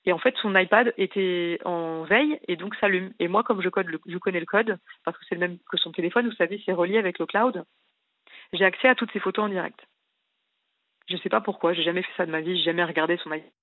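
A woman's voice: lowish voice, a little fast, dry recording. Upset woman caller on a tinny phone line, rambles on with loads of detail, dry sound. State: distressed. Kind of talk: call-in radio confession.

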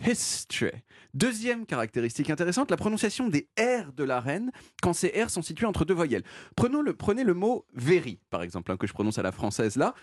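A man's voice: high voice, sing-song, fast talker, dry recording. A man giving a playful, self-mocking radio segment into a studio mic, explaining things. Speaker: radio columnist.

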